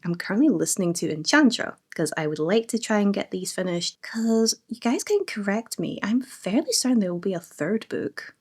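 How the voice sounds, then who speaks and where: Talking about books she has read, a young adult woman sounds medium in pitch and a bit mellow. She's a book vlogger giving an easygoing review chat, enthusiastic and chatty, with plenty of filler words.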